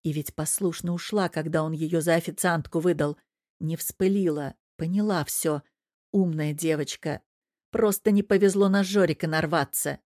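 A woman reading a story aloud in a steady, even manner as an audiobook narrator. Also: deep voice, moderate pace, dry recording, clean studio sound. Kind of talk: scripted narration.

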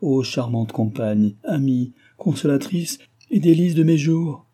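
A man voicing a remorseful young gentleman who pleads fervently with the woman he loves, in a read-aloud novel. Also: medium pitch, normal speed, husky, lightly acted. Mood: adoring.

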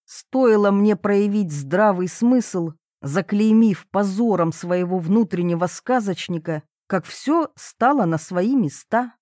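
A woman narrating an audiobook in the first person, with a wry, lively storytelling manner. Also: medium pitch, slow, few pauses, dry recording, studio quality.

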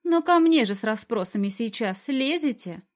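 A woman's voice: a little high, expressive, normal speed, pitched above the performer's own voice, close to an everyday voice. A woman voicing a sullen, defiant teenage girl who answers bluntly and suspiciously. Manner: blunt, suspicious, talks back.

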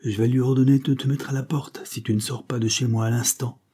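A man reading an audiobook, voicing a furious, imperious Creole woman in a sharp, commanding manner. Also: medium pitch, flat delivery, quick pace, husky, voice pushed up, lightly acted.

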